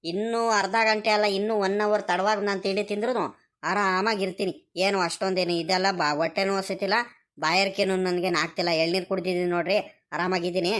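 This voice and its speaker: A gentle, dutiful young farm lad from a village cartoon, voiced by a woman. He speaks in a mid-pitched voice with a rural Karnataka Kannada accent. He explains himself softly and pleadingly. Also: fairly even intonation, a little fast, lightly acted. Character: poor young male farm boy and student, gentle and dutiful. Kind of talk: animated cartoon voice acting.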